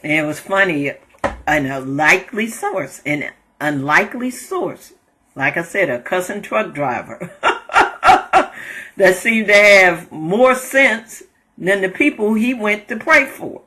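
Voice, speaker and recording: Host voice, bright and husky, animated pitch, giggly casual retelling. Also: slow. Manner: laughs often while retelling a story; repeats and restarts phrases. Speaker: host sharing inspirational thoughts. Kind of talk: casual storytelling monologue.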